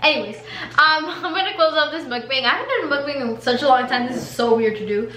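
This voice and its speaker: A teenage girl talks casually to her camera in a high, bright voice, slangy and full of "like". The room around her sounds roomy and echoey, with a faint hum behind. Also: fast talker. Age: teens. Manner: chatty, slangy, heavy use of "like". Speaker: vlogger. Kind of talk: casual mukbang chat to camera. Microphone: camera mic.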